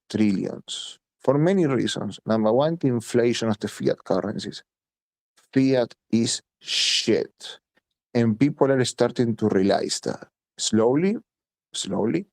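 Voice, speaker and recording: In a casual voice chat, an Italian man speaking English as a second language is blunt and emphatic, swearing and repeating his points. His voice is fairly low and darkish, and the recording is dry.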